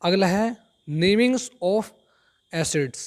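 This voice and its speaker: A man teaching a chemistry lesson, explaining step by step, repeating key terms and reading English textbook lines slowly. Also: sits high, lively intonation. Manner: addresses viewers as friends. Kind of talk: classroom lecture.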